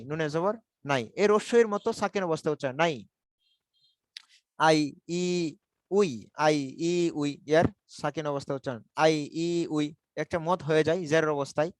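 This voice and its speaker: A man teaching Quran pronunciation in a tajweed lesson. He explains patiently and repeats syllables slowly again and again for students to copy. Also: on the high side, dry recording, poor audio.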